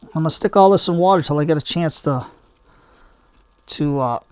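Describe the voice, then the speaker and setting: A man's voice: a little high, moderate pace, clean tone, dry recording. An older man hosting a hobby gardening video, chatting casually in a homespun, rambling way as he demonstrates by hand. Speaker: bonsai hobby video host.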